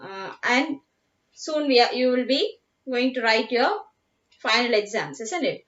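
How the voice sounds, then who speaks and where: Slow patient Malayali woman teacher. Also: fairly high pitch, animated, fairly bright tone. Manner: slow, repeats each word patiently, mixes in Malayalam. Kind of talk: online class lesson. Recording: dull lo-fi sound.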